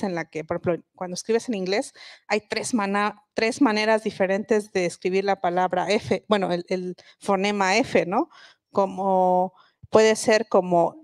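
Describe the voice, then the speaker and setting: A linguist from Oaxaca, Mexico, whose first language is Mixe, gives a public talk as a guest speaker at a book festival, reflective and explanatory with frequent restarts. Her voice is medium-pitched and darkish, recorded dry and close with no room sound.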